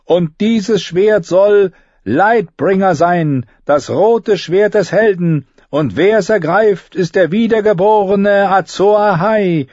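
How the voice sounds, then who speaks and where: A man's voice: sits high, a little mellow, no echo, muffled recording, pitched above the performer's own voice. A man voicing a fervent, exalted priestess. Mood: exalted prophecy. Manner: exalted, slow, declaiming. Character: fervent red priestess, woman, commanding prophet.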